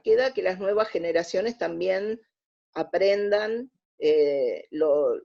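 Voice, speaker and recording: Her voice sits lowish and warm, though the audio loses its high frequencies. She is an Argentine woman researching radio drama, answering interview questions in Argentine Spanish in a chatty, explanatory way and regularly restarting sentences with new phrasing.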